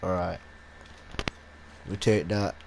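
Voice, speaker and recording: A man doing casual gameplay commentary and reading in-game notes aloud, a little haltingly. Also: low-pitched, steady tone. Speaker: game streamer. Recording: clear game noise behind voice. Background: video game sounds and dialogue.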